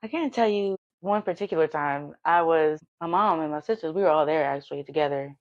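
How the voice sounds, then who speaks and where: A woman guest telling her life story in a casual, animated way, her voice jumping high when excited. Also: brisk, lo-fi sound.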